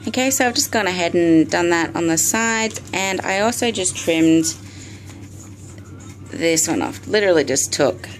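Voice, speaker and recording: A lower-voiced Australian woman recorded on a phone video, talking through a craft project step by step. Her delivery is chatty and casual, with plenty of ums, and there is a faint hiss behind her. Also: animated, moderate pace. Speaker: vlogger. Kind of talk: casual DIY tutorial. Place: bedroom at night. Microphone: phone camera.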